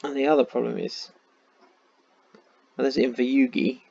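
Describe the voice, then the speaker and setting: Tired, gravelly man muttering over a game. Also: medium pitch, flat delivery, normal speed, a little mellow. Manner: muttering, thinking aloud while searching a map. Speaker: game streamer. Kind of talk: casual gameplay commentary. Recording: dull lo-fi sound.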